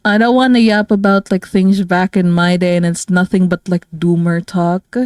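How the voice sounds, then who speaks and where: A streamer and artist from the Philippines chats casually on a livestream, rambling and giggling with lots of fillers. Her voice is on the low side and a little mellow, with little pitch movement and a moderate pace, in studio quality with no echo.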